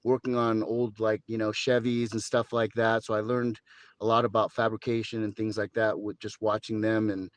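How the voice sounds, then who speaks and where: Here the same kind of speaker, a Southern California man in his fifties, has a lowish voice and a flat delivery at normal speed. He's a podcast guest telling his story casually, interview-style, with dry humor and wandering asides.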